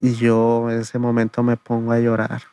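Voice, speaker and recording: A man's voice: medium pitch, normal speed, dry recording, clean studio sound. A man, telling his own testimony in an interview in a conversational way, often tagging his sentences with "le digo" and "¿verdad?". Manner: gravelly, flat storytelling, often adding "le digo" and "¿verdad?". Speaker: interview guest giving testimony.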